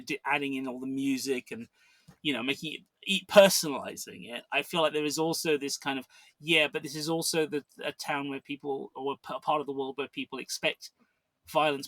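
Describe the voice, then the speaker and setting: A podcast co-host talks casually about a film in a mid-range, sharp-toned voice, rambling with lots of restarts and fillers. The recording has no echo.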